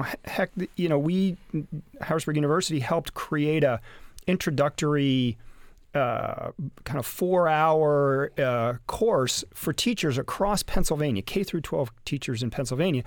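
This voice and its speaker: A man's voice: on the high side, no echo. Rambling male radio guest, dry sound. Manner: rambling, many fillers and restarts. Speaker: university representative, guest. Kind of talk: radio interview.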